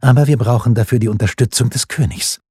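A man voicing a scheming, ruthless older queen mother with a husky, cold and commanding voice. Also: medium pitch, fast talker, a little mellow, no echo, clean studio sound, pitched above the performer's own voice.

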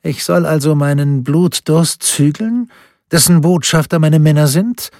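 A man voicing a bloodthirsty, hot-tempered duke in an audiobook, his voice pushed up high and loud. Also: unhurried, no room sound, studio quality. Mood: indignant. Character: bloodthirsty duke, male, tense and quick to anger. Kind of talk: audiobook character voice.

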